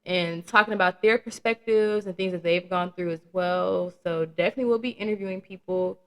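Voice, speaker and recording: Fairly quick with a lowish, fairly bright voice, this twenty-something podcast host chats on her own show. She's candid and casual, swearing, using slang and cracking herself up.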